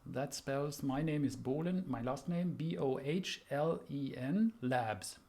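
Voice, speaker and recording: A man hosting a casual live talk, relaxed and unhurried, often pausing with "um". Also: on the high side, gravelly. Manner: relaxed, many "um" fillers. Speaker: host.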